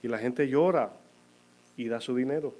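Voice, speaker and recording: A man preaching a sermon to his congregation, asking them questions and answering them himself, slowing down to stress key words. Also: mid-range voice, a little mellow. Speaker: pastor. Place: church.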